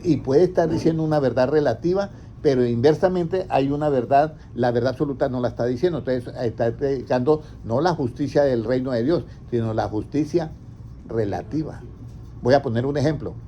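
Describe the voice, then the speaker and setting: Pastor preaching with questions. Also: male voice, mid-range voice, brisk, dark tone. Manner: asks the congregation questions and answers himself. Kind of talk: interactive sermon. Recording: slightly dull, faint background noise.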